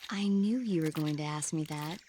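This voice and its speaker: An actress playing a friendly, chatty support medic who explains things eagerly in a video game. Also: female voice, low voice, normal speed, warm tone, a little hiss or hum, close to an everyday voice. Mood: informative. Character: friendly, eager female radio support medic, movie buff.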